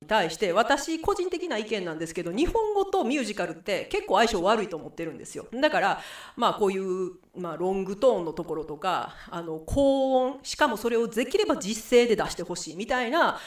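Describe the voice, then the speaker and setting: A woman's voice: mid-range voice, big pitch swings, fast, reverberant. A woman with a Kansai accent, hosting a chatty, rambling live-stream talk as a musical singer. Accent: Kansai Japanese.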